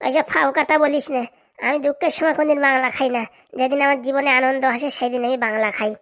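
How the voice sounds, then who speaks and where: A woman's voice: sits high, fairly even intonation, quick pace, a bit bright. A woman voicing a crafty, boozy middle-aged village man in a comedy cartoon, bossy and lecturing. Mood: boastful.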